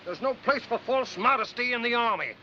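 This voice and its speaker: An actor playing a peppery older army officer in 1940s screwball comedy banter, blustering with old-fashioned exclamations. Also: male voice, very high-pitched, brisk, bright, forceful tone, heavily acted. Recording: hissy, muffled old film soundtrack.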